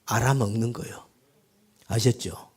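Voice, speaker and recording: A male pastor preaching a sermon, swinging between loud exclamations and near whispers and asking the congregation questions. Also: medium pitch, steady tone, a little slow, slightly rough.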